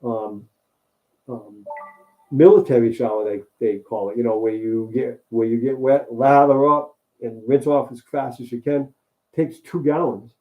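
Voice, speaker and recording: A man's voice: mid-range voice, steady tone, unhurried, mellow. A man co-hosting a casual chat, talking in an easygoing, rambling way and often repeating himself. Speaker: co-host and mechanic. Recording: tinny phone-like sound.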